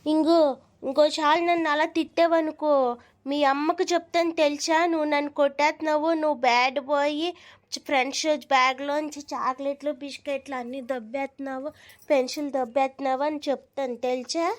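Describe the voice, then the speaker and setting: A woman's voice: high voice, flat delivery, a little fast, natural voice. A woman voicing a bratty cartoon little girl, a bossy younger sister who tattles and turns on fake tears. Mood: threatening. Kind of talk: cartoon voice dubbing.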